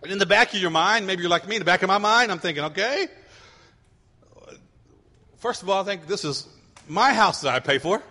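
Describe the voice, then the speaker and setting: Bright-voiced pastor preaching in a reverberant hall. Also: male voice, sits high, fast. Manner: animated storytelling, acting out voices of kids. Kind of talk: sermon.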